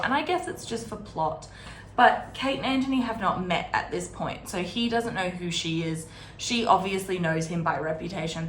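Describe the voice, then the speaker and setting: A woman with a mid-range, slightly bright voice hosts a book readalong series, chatting casually and wryly while often drifting into digressive asides. She sits at a desk in an indoor room, recorded by a camera on or near the desk, with a roomy echo and background room noise.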